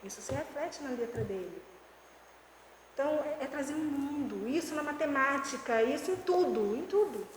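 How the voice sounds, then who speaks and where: A woman educational psychologist from Brazil chatting and giving teachers lively tips with everyday examples. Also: high-pitched, normal speed. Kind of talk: casual explanatory chat. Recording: echoey room with faint noise.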